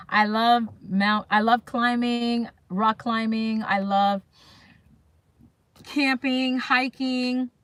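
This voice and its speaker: This livestream host chats casually and talkatively with her audience, reading out comments and often posing questions straight to viewers. She speaks at a medium pitch, recorded without echo.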